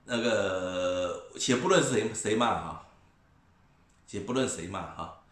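A middle-aged vlogger commentator rants casually to camera with a slow, animated delivery in a lowish, slightly bright voice. He's mocking and scornful, repeats himself, and chuckles, and the room is echoey.

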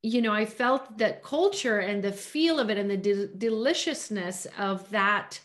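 A middle-aged woman from Greece, a director and producer, chatting casually in a Zoom Q&A with lots of fillers and quick bursts of speech. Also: mid-range voice, a bit bright. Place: home room. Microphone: laptop webcam on a video call.

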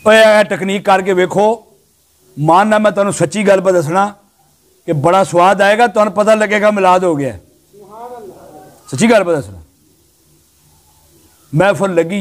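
High-voiced preacher, animated. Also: male voice, normal speed, long pauses. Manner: animated storyteller, swings between loud exhortation and low, hushed asides. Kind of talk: sermon to a live gathering.

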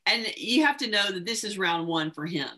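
A woman with a bright, clear tone talks easily in a relaxed webcast chat. She sounds reassuring and conversational, and she laughs readily between her points. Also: mid-range voice, moderate pace. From United States. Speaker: host, professional organizer.

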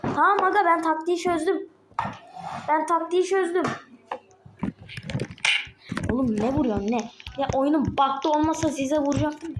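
High-voiced excitable young woman gamer. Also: moderate pace, pauses often, noisy background. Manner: excitable, chatty, addresses viewers directly. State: sore throat, a bit ill. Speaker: gaming channel host. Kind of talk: casual gameplay commentary. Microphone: tablet microphone.

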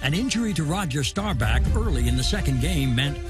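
A man narrating a sports documentary from a script, in a measured, dramatic way. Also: on the high side, expressive. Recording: narration over music.

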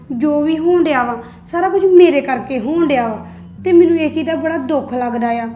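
A woman acts the part of Preeti, an anxious young married sister-in-law in a Punjabi family drama, confiding in an earnest tone. Her delivery is high-pitched and mellow, only lightly acted.

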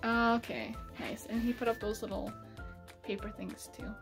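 Holding her phone camera at arm's length, a Canadian vlogger in her thirties tours her home, chatting in an easygoing way full of fillers like "like". Her voice is a little high with a steady tone and moderate pace, and music plays in the background.

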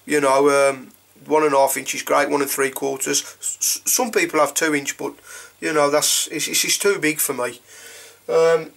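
A man's voice: fairly high pitch, a bit bright. A man, a leathersmith, rambling in a chatty, informal way as he records a casual video message to a customer from his home workshop.

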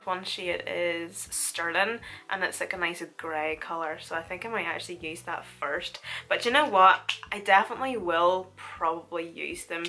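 This woman in her 20s, a beauty vlogger, walks through a casual makeup tutorial indoors in a small room at home, chatty and full of animated storytelling. She speaks on the low side at normal speed with few pauses, over soft background music.

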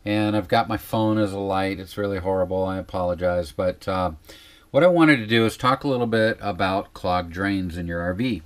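A man's voice: low voice, moderate pace. A man giving a casual, hesitant, rambling how-to talk inside a small trailer, as a vlog host. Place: small RV interior.

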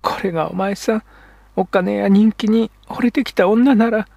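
A devoted Edo-era wife speaks in high, husky tones, using sharp and formal old-fashioned woman's speech, as a male narrator puts her on. Her pride and spirit stay plain in every line. The sound is dry and close. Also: steady tone, moderate pace, dry recording. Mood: ironic, proud.

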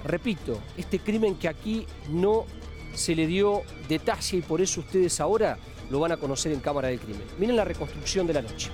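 Emphatic Argentine crime show host. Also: male voice, a little high, lively intonation, fairly quick, darkish tone, soft background music. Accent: Argentine Rioplatense. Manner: emphatic, indignant commentary. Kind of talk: TV crime news presenting and commentary.

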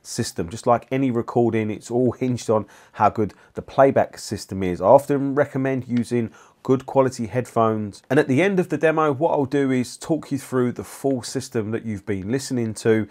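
Speaking at a moderate pace with a medium-pitched, slightly mellow voice, a man in his forties presents a review video to camera as host. His delivery sounds scripted, captured on a lapel mic in a small studio treated with acoustic panels.

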